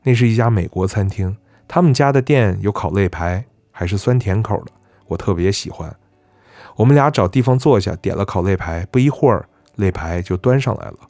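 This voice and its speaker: A man narrating a story in a calm, conversational reading voice. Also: fairly low pitch, fairly quick, no room sound, soft background music.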